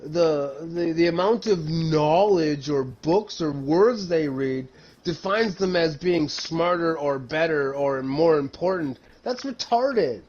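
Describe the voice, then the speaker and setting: A man in his fifties telling stories and ranting casually, blunt and emphatic, with heavy swearing and slang. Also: high voice. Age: 50s. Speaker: storyteller. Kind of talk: casual, profane storytelling and ranting to a friend. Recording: dull lo-fi sound.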